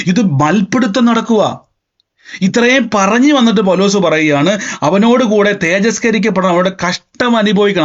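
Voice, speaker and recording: A man preaching a sermon as pastor, quoting scripture and firing rhetorical questions at the congregation. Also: high voice. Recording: dull lo-fi sound.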